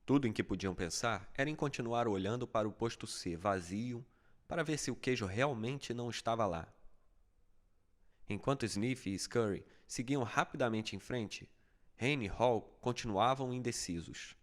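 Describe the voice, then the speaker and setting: A man narrating a fable as an audiobook, with steady, even storytelling. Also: mid-range voice, moderate pace.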